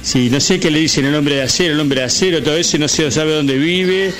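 A boastful, slang-heavy Batman, as a man puts him on, talking with a Rioplatense accent. The voice sits a little high, and music plays clearly behind him on this radio comedy bit. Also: fast talker, fairly bright tone, close to an everyday voice. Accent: Rioplatense Spanish. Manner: cocky, slangy, rambling.

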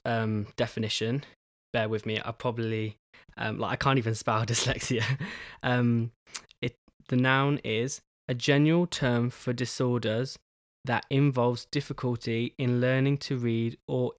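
A young man hosting his own podcast in a casual solo talk, halting, with many pauses and restarts. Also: mid-range voice, no echo, clean studio sound. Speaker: podcast host.

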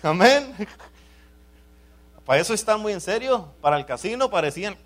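Pastor, fairly high voice, lively preaching that rises to loud calls and drops to quiet asides. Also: male voice, normal speed. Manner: repeated "amén" calls to the congregation. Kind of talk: sermon.

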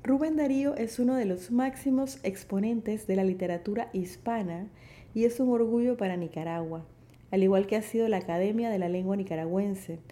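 Very mellow woman hosting a podcast. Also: medium pitch, a little fast. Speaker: poetry podcast host. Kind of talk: scripted podcast narration. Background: background music.

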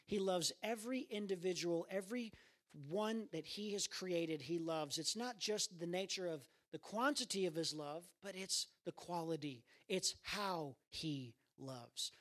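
A man preaching a sermon in a church, earnest and repeating his phrases for emphasis. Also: a bit bright. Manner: earnest, repeats phrases, acts out quoted voices in a raised pitch. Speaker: pastor. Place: church sanctuary.

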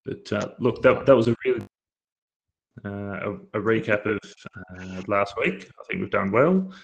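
A man's voice: lowish voice, normal speed, gravelly, lo-fi sound. An Australian man hosting a casual betting podcast, talking in a blokey, colloquial way. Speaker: podcast host.

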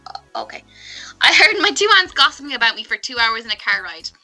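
Bright high-voiced blunt woman. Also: sing-song, fairly quick, faint music behind. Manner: blunt, swears casually. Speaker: co-host reading stories. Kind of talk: casual chat, reading aloud.

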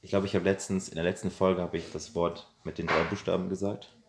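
Very deep-voiced man in an echoey room. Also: level tone, fairly quick, creaky. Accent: standard German. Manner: hesitant, repeats words. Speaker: podcast co-host. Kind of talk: casual chat. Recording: echoey room, faint hiss.

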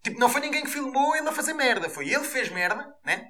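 A man with a European Portuguese accent hosting a podcast, delivering an animated, profane comic rant. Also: extremely high pitch, fast talker. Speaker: podcast host.

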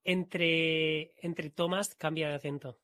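A man with a Spain Spanish accent co-hosting a podcast, joking about himself with playful, animated bursts. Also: on the high side, slow pace. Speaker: podcast co-host. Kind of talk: casual chat.

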